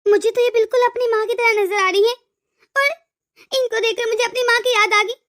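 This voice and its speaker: A woman's voice: extremely high pitch, fairly even intonation, a little fast, fairly bright tone. A woman voicing an emotional young wife and devoted daughter in a cartoon story, often stammering over her words. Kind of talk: cartoon voice acting.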